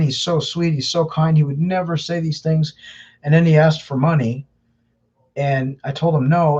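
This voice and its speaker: A man hosts a live Q&A, answering viewer questions with earnest advice in a loose, casual way, repeating words often. His voice is a little high, a little mellow and slightly rough, and the recording sounds muffled.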